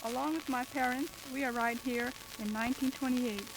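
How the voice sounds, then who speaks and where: A young woman from Russia, a Bible school student, speaking earnestly in formal, measured sentences during a radio interview. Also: a little high, fairly even intonation. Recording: noisy old radio recording.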